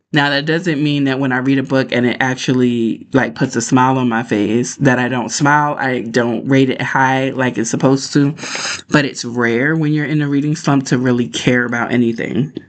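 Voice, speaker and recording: A man's voice: mid-range voice, fairly even intonation, moderate pace. Male livestream host, casual and conversational, mid-range voice, informal rambling delivery.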